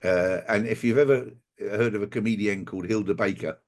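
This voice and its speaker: Brief: male guest, slightly low pitch, halting and wry, remote call. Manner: halting, wry anecdotal storyteller. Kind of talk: conversational interview.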